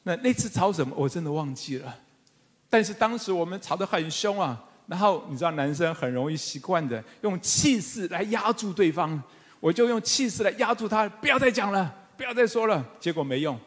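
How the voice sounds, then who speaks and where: A middle-aged man pastor preaching a sermon, animated and fervent, with humorous asides to the congregation. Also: high-pitched, brisk. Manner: animated, rising to fervent emphatic calls. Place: church sanctuary with congregation. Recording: long church hall reverb.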